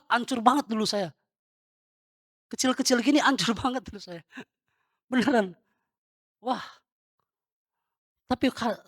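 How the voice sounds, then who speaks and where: A man's voice: high voice, no room sound, studio quality. A male pastor giving an informal sermon, talking straight to the congregation and throwing questions at them.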